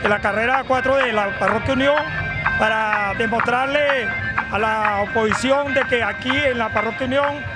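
A man's voice: very high voice, normal speed, poor audio. A man announcing a march to a camera. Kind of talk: announcement at a rally. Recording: loud crowd and music behind.

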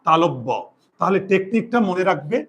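A man's voice: high-pitched, lively intonation, moderate pace, a bit bright, husky. A man teaching a live class in a classroom, asking his students questions and answering them himself in a repetitive, drilling way. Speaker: Bengali grammar teacher.

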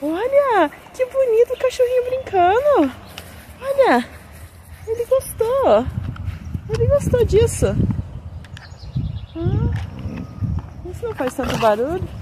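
A woman's voice: very high-pitched, big pitch swings, slow pace, pauses often, noisy background. A woman filming her dogs on a phone, talking to them in coaxing, sing-song baby talk. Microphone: phone camera.

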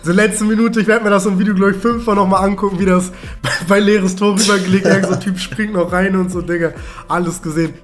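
A man's voice: high voice, steady tone, fast. A young man in casual gaming chat, talking as the opponent in a match. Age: young adult. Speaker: guest gamer, opponent in the match. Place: living room with large windows.

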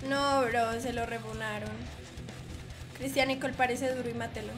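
A woman's voice: a little high, steady tone, moderate pace, over loud music. A woman streaming a game live, teasing and chatting playfully with her viewers.

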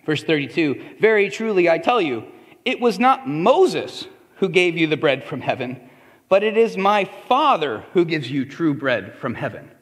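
A man's voice: high-pitched, fairly bright tone. A man preaching a sermon as pastor, acting out the crowd and Jesus in quoted voices. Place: church sanctuary. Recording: reverberant church hall.

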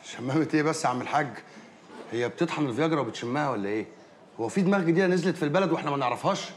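A man's voice: on the high side, lively intonation, racing, a little hiss or hum, natural voice. An actor playing a young male engineer, sarcastic and then furious, in an Egyptian accent. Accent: Egyptian Arabic. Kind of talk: TV drama acting.

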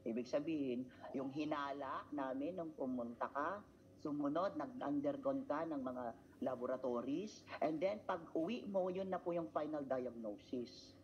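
A man's voice: on the high side, moderate pace, darkish tone, a little hiss or hum. Muffled man giving a chanting seminar talk. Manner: rhetorical, tag questions, chanting repetition. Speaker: product trainer.

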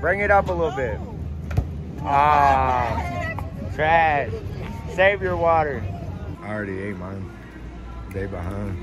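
A man's voice: medium pitch, big pitch swings, takes it slowly, long pauses. Laid-back man filming a fair. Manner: laid-back, teasing, chuckling. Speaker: family vlogger filming. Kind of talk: casual family commentary. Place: outdoor state fair. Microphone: handheld phone camera. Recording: noisy outdoor fair with music. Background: loud crowd and fair music.

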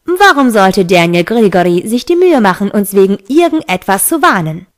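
A woman's voice: a little high, very animated, moderate pace. A woman reading the lines of a scornful female angel in a fantasy audiobook.

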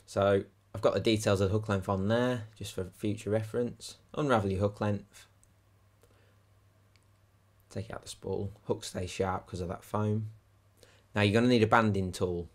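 A man with a fairly low, steady voice explains a fishing setup at normal speed, with no room sound. He's an angler and channel host demonstrating rigs outdoors by a lake on a windy day, giving a practical, chatty step-by-step how-to.

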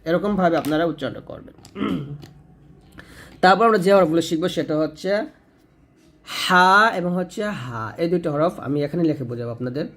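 A man teaching pronunciation step by step, stretching out each sound as he demonstrates it. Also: a little high. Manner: slow drawn-out demonstration of sounds.

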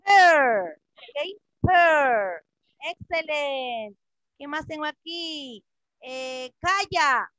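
A woman English teacher leading an online class for children, patiently repeating words slowly over a video call. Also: high voice, bright, forceful tone, dry recording, dull audio.

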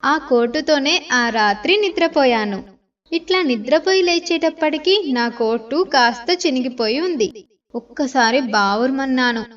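High-voiced woman telling a bedtime story. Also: measured pace. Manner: expressive, lively storytelling. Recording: slightly distant, dull lo-fi sound.

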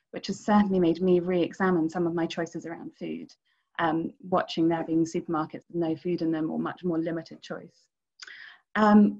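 Woman in her thirties, low voice, panel moderator, many ums, dull video call sound. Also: a little mellow. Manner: friendly, hesitant with many ums. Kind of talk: online panel introduction. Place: living room at home. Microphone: video call, laptop camera.

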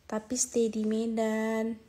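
A woman's voice: fairly high pitch, completely flat delivery, slow, dark tone. A young woman in her twenties from Aceh, chatting casually on a phone live stream while lying in bed, reading viewer comments aloud and coaxing them to join her. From Aceh, Indonesia. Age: 20s. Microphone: phone held at arm's length.

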